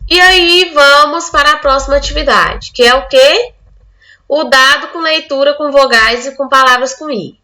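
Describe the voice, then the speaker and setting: A woman's voice: high voice, normal speed, bright, forceful tone. A woman from Brazil teaching an online literacy lesson, explaining step by step and acting out a child's answers.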